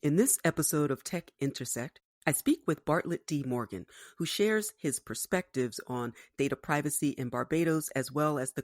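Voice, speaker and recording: A woman's voice: very deep voice, dry recording, studio quality. A woman hosting a podcast, reading an upbeat scripted intro and then chatting with her guest. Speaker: podcast host.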